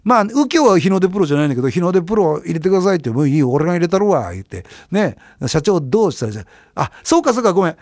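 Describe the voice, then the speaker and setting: Animated storytelling man, lively pitch. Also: rapid-fire, hardly any pauses, no room sound, studio quality. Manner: animated, quotes people with voice changes. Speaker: radio host. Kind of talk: casual storytelling monologue.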